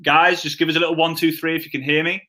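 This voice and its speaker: A young man with a Scouse accent teaching a live webinar, energetic, often restarting sentences and acting out both sides of sample conversations. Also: fairly high pitch, fast talker. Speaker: webinar host.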